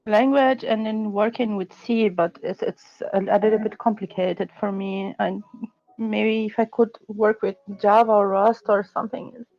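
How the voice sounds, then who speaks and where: A woman's voice: medium pitch, dull audio. A woman on voice chat, speaking hesitantly and searching for her words. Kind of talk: casual voice-chat conversation.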